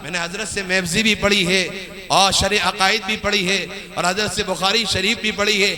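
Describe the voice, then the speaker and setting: A man preaching an impassioned sermon, swinging between loud emphatic bursts and quiet dropped phrases. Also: sits high, little pitch movement, normal speed, crowd noise. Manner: impassioned preaching, rising and falling sharply. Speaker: Islamic preacher.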